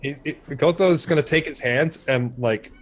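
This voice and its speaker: A man with a hoarse, worn-out throat, casually narrating his character's actions as a player in a tabletop game. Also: a little high, moderate pace, noisy background.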